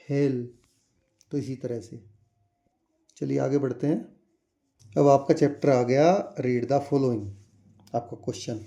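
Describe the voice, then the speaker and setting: Indian man, tutor, patient step-by-step explaining, very dark mellow tone, slightly high voice. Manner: patient, repeats questions to the class. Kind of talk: explaining a school chapter.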